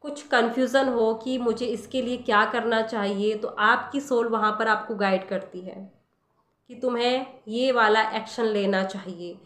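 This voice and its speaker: A woman's voice: a little high, fairly even intonation, a little slow, a bit bright. Echoey woman teaching meditation. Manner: conversational, addresses listener directly with rhetorical questions. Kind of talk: casual spiritual talk. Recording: echoey room.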